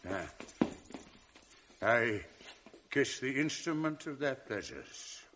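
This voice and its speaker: An actor playing Othello, a jealous, tormented general, in a 1980s radio drama, moving between hushed brooding and raging outbursts. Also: male voice, medium pitch, sing-song, slow, noisy background. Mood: grim. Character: jealous, tormented male general, middle-aged.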